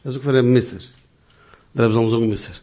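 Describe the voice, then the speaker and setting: A man telling a story in a casual, halting way, often restarting and repeating words. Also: mid-range voice, little pitch movement, dark tone.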